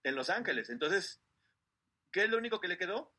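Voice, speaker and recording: Bright husky man retelling a story. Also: high-pitched, brisk. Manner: animated retelling, acting out quotes. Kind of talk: casual storytelling chat.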